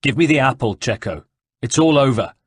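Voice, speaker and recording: A man's voice: medium pitch, lively intonation, fairly quick, slightly rough, no room sound, studio quality. A man voicing a determined young male assassin who speaks in firm, commanding demands. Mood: stern.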